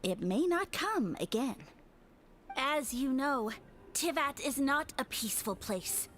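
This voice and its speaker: Pompous, high-pitched mushroom overlord. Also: female voice, expressive, takes it slowly, a bit bright, a little hiss or hum, heavily acted. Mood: haughty. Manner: grandiose, haughty, formal speech. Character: pompous evil mushroom lord demanding worship. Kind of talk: video game character acting.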